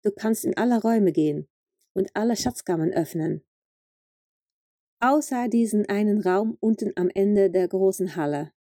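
A woman's voice: medium pitch, moderate pace, dark tone, no echo, studio quality, close to an everyday voice. Bluebeard, a menacing rich man, read by a woman. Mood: stern. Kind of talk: storybook reading.

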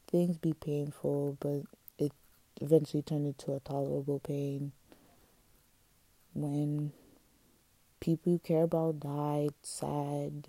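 A woman's voice: deep voice, gravelly, mellow, no room sound. A woman hosting a casual, candid solo podcast, musing and confiding with slang and swearing, her articulation slightly off from wearing a retainer.

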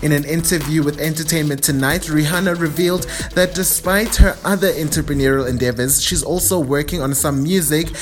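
A woman's voice: low voice, fairly quick, hardly any pauses. South African female entertainment news presenter. Scripted but chatty, music underneath. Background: music bed.

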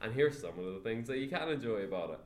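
A man's voice: mid-range voice, lively intonation. Jokey male co-host in echoey room. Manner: jokey, halting, many ums. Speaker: podcast co-host. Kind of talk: casual film review chat. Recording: roomy echo.

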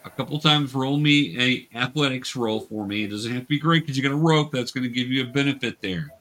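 Leading a tabletop RPG session, this man stays patient and encouraging with the players while halting and repeating himself as he restarts phrases. He speaks at a medium pitch with a slightly bright tone.

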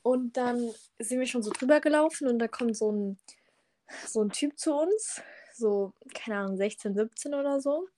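A teenage girl telling a story in casual chat, lively and teasing, acting out what other people said. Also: a little high, moderate pace.

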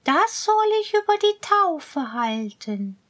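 A woman's voice: high voice, very animated, a bit bright, pitched above the performer's own voice, full character voice. Woman doing a sly greedy meowing cat. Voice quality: meowing, purring. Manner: drawn-out, scheming delivery.

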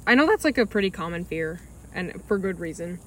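A young woman from Alaska in casual chat on a podcast, giggly and halting as she talks. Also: on the low side, animated.

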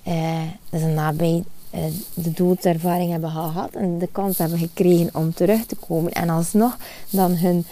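Woman, low-pitched, mellow, earnest spiritual podcast talk, repeats phrases, many fillers. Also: little pitch movement, normal speed. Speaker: podcast host. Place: outdoors in the sun.

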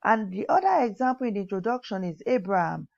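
A woman's voice: mid-range voice, very animated, creaky. Woman teaching a lo-fi Bible lesson. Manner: reads scripture aloud, stressing key words slowly; pauses to correct herself, occasional coughs. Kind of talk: teen Sunday school Bible lesson.

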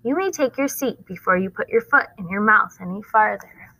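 A woman's voice: mid-range voice, expressive, normal speed, bright, forceful tone, rough recording. A woman reading a prim, stern teacher.

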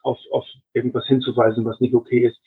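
An older man, a retired airline captain, giving measured advice in an interview, often restarting his sentences. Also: mid-range voice, level tone, husky. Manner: measured, advisory, frequent restarts. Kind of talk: reflective interview answers. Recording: narrow phone-like line.

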